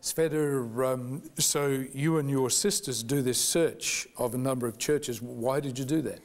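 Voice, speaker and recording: A man hosting an interview, asking calm questions and moving the show to a break. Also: mid-range voice, unhurried. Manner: brief encouraging murmurs, calm questions. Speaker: host. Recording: music bed behind voice.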